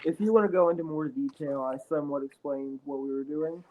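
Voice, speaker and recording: A man's voice: fairly high pitch, brisk, dark tone, rough recording. A young man who is sick, chatting casually as a podcast co-host. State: sick with a cold or similar illness.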